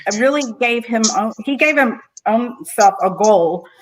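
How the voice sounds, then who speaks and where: A woman's voice: on the high side, lively intonation, unhurried, poor audio. A woman, an ESL teacher telling classroom stories on a conference panel. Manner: chatty storytelling, fillers.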